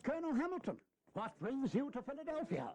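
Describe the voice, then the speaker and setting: In a historical audio drama, Benjamin Franklin is voiced as a wily, shrewd, philosophical old statesman with a high-pitched, animated delivery. He swoops through emphatic, deliberate oratory like a seasoned political persuader.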